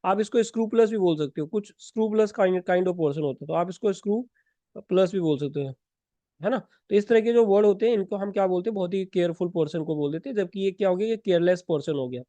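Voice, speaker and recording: A man teaching English vocabulary for exams, explaining step by step with rhetorical questions and quick self-corrections. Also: sits high, mellow, no echo. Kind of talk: exam-prep lesson in Hindi-English mix.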